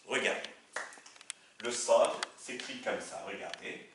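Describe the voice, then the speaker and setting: A man's voice: medium pitch, animated, sharp tone. A man teaching a lesson at a board in a patient, repetitive way, often telling his students to look. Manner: patient, explains slowly with repetition, says "regardez" often. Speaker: Arabic teacher. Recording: echoey room from a distance, faint noise.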